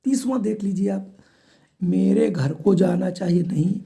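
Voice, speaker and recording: A male teacher working through exam questions, reading each sentence out slowly and then calmly correcting it. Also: high voice, gravelly. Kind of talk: exam-prep lesson.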